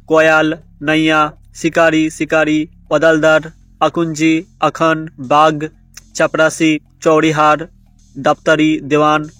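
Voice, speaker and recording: Man reading a list, plain and even. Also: on the high side, dry recording. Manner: plain, methodical, reads items one by one. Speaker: education channel host.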